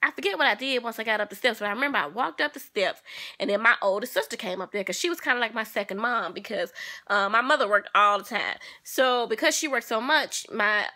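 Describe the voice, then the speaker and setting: A woman vlogger telling a personal story to her viewers in an animated, sassy way. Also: fairly high pitch, fast. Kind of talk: casual storytelling.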